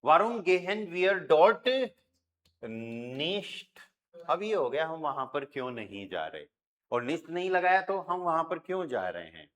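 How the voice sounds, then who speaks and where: A man's voice: fairly high pitch, sing-song, fairly bright tone. A man with an Indian accent teaching a grammar lesson to a class, patiently explaining and often checking that students have understood. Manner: slowly spells out sentences word by word. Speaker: German teacher.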